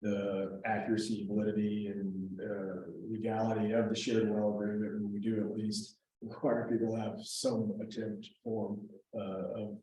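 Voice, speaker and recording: A man's voice: fairly low pitch, flat delivery, normal speed, mellow, a little hiss or hum. A man from a water office explaining procedures to a board in a public meeting, in an explanatory, procedural way. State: talking with gum in mouth. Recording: echoey meeting room from far off.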